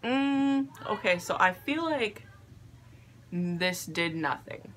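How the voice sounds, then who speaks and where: Bright-voiced young woman, unsure and chatty. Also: mid-range voice, lively intonation. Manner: unsure, self-deprecating, halting. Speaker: vlogger. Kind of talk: casual makeup vlog chat. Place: attic bedroom, indoors. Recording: faint background noise, room ambience.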